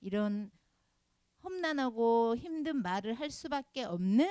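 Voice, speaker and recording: A woman's voice: on the high side, animated, measured pace, mellow, clean tone, no echo. A middle-aged woman leading a children's Sunday school sermon, emphatic and scolding, asking the class rhetorical questions. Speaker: Sunday school department head preaching.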